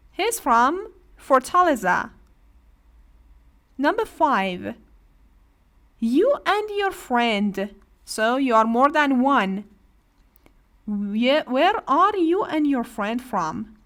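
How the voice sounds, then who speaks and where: Speaking with a Persian accent, this Iranian woman has a high, slightly bright voice. She's leading a classroom lesson for adult beginners in English, walking them patiently through grammar and having them repeat.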